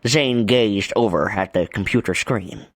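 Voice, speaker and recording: A man narrating a fan-made audiobook in a steady, plain storytelling voice. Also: on the low side, unhurried, no room sound. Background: music.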